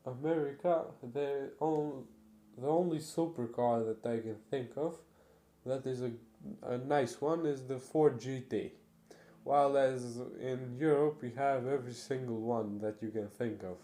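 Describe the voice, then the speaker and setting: Teen male car vlogger, unhurried, mellow tone, halting delivery with fillers. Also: mid-range voice. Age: teens. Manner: halting, many fillers and restarts. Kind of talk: casual vlog talk.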